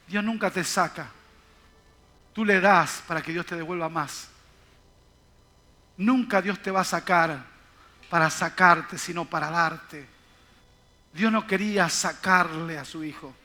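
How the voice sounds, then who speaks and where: A man's voice: high-pitched, measured pace, long pauses, sharp tone. An older man, a pastor, preaching a sermon to his congregation in an emphatic, repetitive way. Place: church service.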